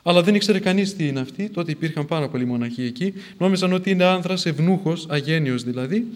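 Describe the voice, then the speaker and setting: A man's voice: on the high side, expressive. A man giving a sermon, moving between plain storytelling and emphatic, formal recitation. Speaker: preacher. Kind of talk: sermon retelling a saint's life.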